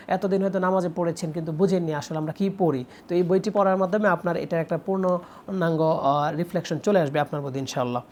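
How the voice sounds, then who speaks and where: A young woman presents her own book in a promotional talk, explaining step by step with frequent drawn-out pauses. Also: lowish voice, a little mellow.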